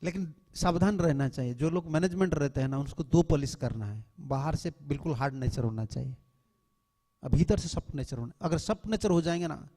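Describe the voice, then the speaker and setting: A man's voice: fairly high pitch, fairly quick, dark tone. A man, a swami, giving an earnest temple lecture to devotees, admonishing them and mixing English words into his speech. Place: temple hall. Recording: long hall reverb.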